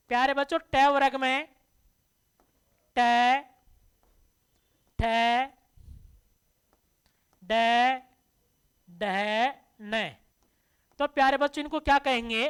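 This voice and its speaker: A woman teacher leads a slow, patient classroom lesson. Her voice sits high. She speaks to the students as dear children, putting questions to them and answering each one herself so the terms stick. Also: smooth. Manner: addresses listeners as dear children.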